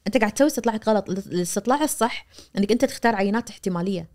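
In very fast, animated speech, a woman in her forties with a Kuwaiti Arabic accent, a media professor, explains things as a studio podcast guest. She gestures and voices the people she quotes. A boom-arm studio mic records her.

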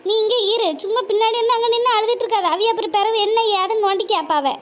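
A woman voicing a scheming, impatient grown daughter, scolding in a sharp, nagging way. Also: very high voice, steady tone, fast talker. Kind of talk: cartoon voice acting.

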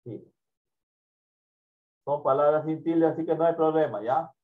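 A man's voice: on the high side, unhurried. Man, teacher, Peruvian Spanish accent, patient, repetitive, mumbling, muffled video call audio. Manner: patient, repeats himself, trails off into mumbling. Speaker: primary school teacher. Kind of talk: online class, casual instructions. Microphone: computer mic on video call.

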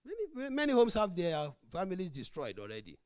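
A middle-aged pastor gives a marriage sermon. His voice sits high for a man and swoops up and down as he tells stories and plays out both sides of conversations. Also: brisk, no echo, studio quality. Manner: animated storytelling, acts out both sides of dialogues.

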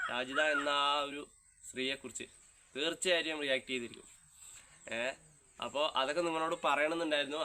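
Fast, bright-voiced man with a Malabar Malayalam accent. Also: a little high. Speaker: vlogger. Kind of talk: casual chat to viewers, reacting to comments.

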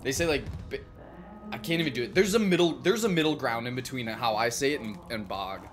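A man's voice: mid-range voice, fairly quick. A man with a Minnesotan accent chatting casually and profanely while streaming a video game, often laughing and musing aloud. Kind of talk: casual live-stream chat while gaming.

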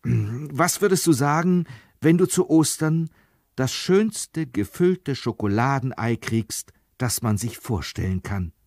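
A man's voice: mid-range voice, lively intonation, slow, darkish tone, no room sound, studio quality, pitched above the performer's own voice. A male reader voicing a brooding, serious father who speaks in a strained, sighing way.

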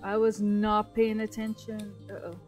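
A woman plays a city-building game and talks herself through each move at an unhurried pace. Her voice is wearing thin as she loses it, and she often restarts her sentences. Faint game music sits under her voice. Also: mid-range voice, completely flat delivery, low-quality recording. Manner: thinks aloud, self-talk with frequent restarts. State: losing her voice. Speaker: gameplay streamer. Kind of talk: casual gameplay commentary.

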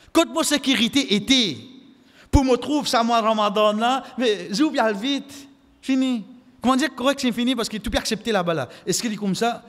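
A high-pitched, slightly bright male preacher with a Mauritian Creole accent delivers a Friday khutbah with Arabic quotations indoors at a mosque pulpit. His impassioned, exhortative style leans on repeated phrases, picked up by a close stand microphone in an echoing hall with long reverb.

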